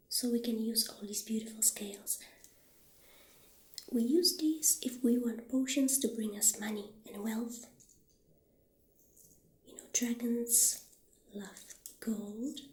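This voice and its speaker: Playing a friendly witch shopkeeper who shows off potion ingredients, a woman performs a soft-spoken ASMR roleplay in a gentle, unhurried, halting way. Her voice is a little high, soft and breathy, often dropping nearly to a whisper. The recording has a roomy echo and faint background noise.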